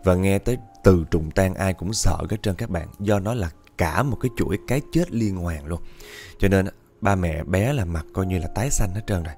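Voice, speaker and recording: A low-voiced man with a Southern Vietnamese accent tells a ghost story. His pitch swings widely, and he keeps talking straight to his listeners. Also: a little fast, faint music behind. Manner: animated, addresses listeners directly. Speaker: podcast storyteller.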